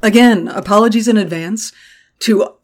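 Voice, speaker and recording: A woman's voice: medium pitch, normal speed. A woman from Texas with allergy congestion, co-hosting a casual comedy podcast in an irreverent, joking, sweary way. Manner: irreverent, salty-tongued, joking. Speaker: podcast co-host.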